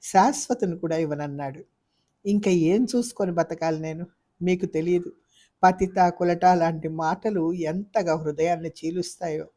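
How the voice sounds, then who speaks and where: కథకులు పలికే ఆడియో నవల కథానాయిక, భర్తను ప్రశ్నించే బాధాతప్త స్త్రీ. మాటల్లో వేదన, పట్టుదల కలిసి వినిపిస్తాయి. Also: female voice, on the low side, fairly even intonation, measured pace, mellow. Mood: grieving. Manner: pleading then fiercely defiant. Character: hurt, defiant young wife and mother. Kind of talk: audiobook character voice.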